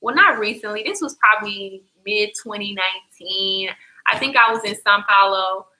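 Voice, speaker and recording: A woman's voice: medium pitch, moderate pace, sharp tone, poor audio. A young woman chatting casually on a travel livestream, slangy and profane, talking straight to her viewers. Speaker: travel vlogger.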